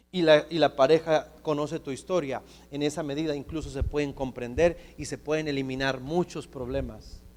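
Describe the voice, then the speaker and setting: A male pastor preaching a sermon, telling stories animatedly and acting out the dialogue. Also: a little high. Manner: storytelling, animated, acts out dialogue. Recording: long reverb of a church hall.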